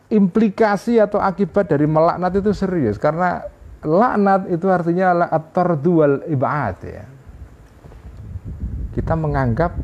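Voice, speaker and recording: A man's voice: mid-range voice, dark tone. A man teaching an informal religious lesson, translating Arabic phrases line by line and often adding "ya". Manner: explains Arabic text phrase by phrase with frequent "ya". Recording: dull lo-fi recording.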